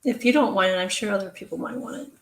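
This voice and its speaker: A woman's voice: medium pitch, fast, a little hiss or hum. A woman co-hosting a casual live stream over a video call, friendly and chatty, who laughs easily. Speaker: co-host. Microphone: video call setup.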